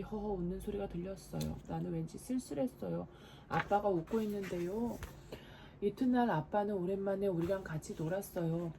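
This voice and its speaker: A woman in her forties, a mother, reading a storybook aloud to her children at bedtime with lively expression. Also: medium pitch, slight background noise. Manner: expressive, lively character voices. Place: home at bedtime.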